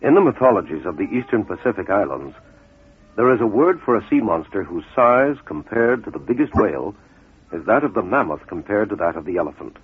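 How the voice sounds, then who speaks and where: A man with a fairly low, very animated voice narrates a fable in the manner of a scripted dramatic storyteller. He delivers measured, deliberate phrases with pauses for effect, and the radio recording sounds muffled.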